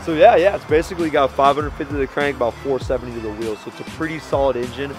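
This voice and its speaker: A man's voice: mid-range voice, fast talker, over music. A man chatting casually and technically as a car owner, mixing jargon with laid-back bro slang. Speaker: car owner interviewed about his build. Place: outdoors beside a car.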